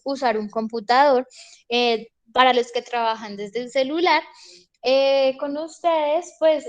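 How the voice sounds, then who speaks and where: A young woman teaching an online English class, patiently checking in with her students. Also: high voice. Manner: patient, checks in with "¿listo?" often.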